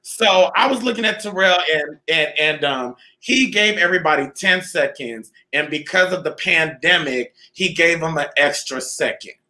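A man's voice: a little high, moderate pace, hardly any pauses, pushed and bright. A man hosting a casual chat, talking informally with hype and repeated phrases. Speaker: host.

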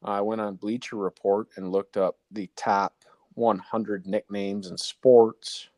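A man's voice: fairly low pitch, level tone, slow pace, darkish tone, no echo. A man giving a casual countdown of sports nicknames to co-hosts, announcing each ranked number and then the name. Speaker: sports talk show panelist presenting a list.

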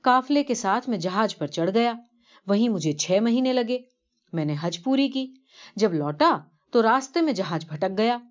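Woman voicing a humble old pilgrim man for a story reading, lowered voice, earnest and slow, dull lo-fi sound. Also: lightly acted. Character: poor elderly man, devout pilgrim, humble. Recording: dull lo-fi recording.

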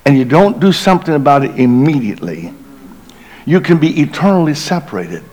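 Bishop telling a dramatic sermon story. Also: male voice, very animated, brisk, low-quality recording. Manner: dramatic storytelling, drops to a hushed low voice at tense moments. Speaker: bishop preaching. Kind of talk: Christmas Eve sermon storytelling.

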